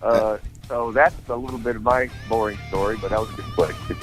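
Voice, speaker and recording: A man's voice: fairly low pitch, fairly even intonation, brisk, over music, rough recording. An older man from Eastern Tennessee with a Southern accent, telling a rambling, folksy story as an interview guest and chuckling as he goes. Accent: Southern American. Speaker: guest sportscaster.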